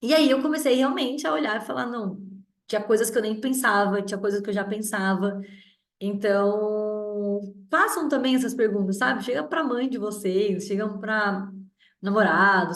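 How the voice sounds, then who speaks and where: A woman's voice: on the high side, a bit bright. A woman in her thirties with a strong voice, chatting directly as she leads a group meeting. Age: 30s. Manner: chatty and direct, with many restarts and tag questions. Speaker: mentor leading a group meeting. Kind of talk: casual teaching talk. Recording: roomy echo.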